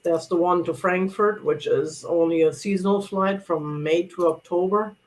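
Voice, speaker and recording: A man's voice: high-pitched, steady tone, normal speed, low-quality recording. A man vlogging casually about his travels, chatty and rambling, with many restarts and asides.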